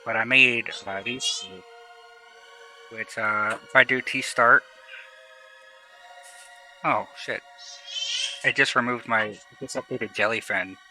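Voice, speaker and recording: A man's voice: lowish voice, moderate pace, bright, forceful tone, rough recording. A man with a lisp streaming from home, talking casually and rambling about his tech setup, swearing now and then. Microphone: new desk microphone. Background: faint music.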